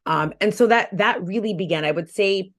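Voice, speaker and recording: A woman's voice: mid-range voice, moderate pace, vocal fry. A woman in her forties, a health coach guest on a podcast interview, speaking in an earnest, reflective way and often repeating phrases for emphasis. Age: 40s.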